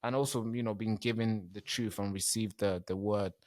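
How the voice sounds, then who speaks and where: A young man hosting a podcast over a remote call, talking in a relaxed, chatty way with frequent restarts. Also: lowish voice, moderate pace. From born in a refugee camp in Tanzania. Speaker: podcast host. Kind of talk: casual interview chat.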